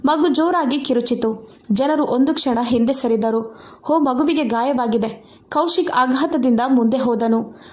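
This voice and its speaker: A woman narrating an emotional moral story in an earnest, steady way. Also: high voice, a little slow, echoey room.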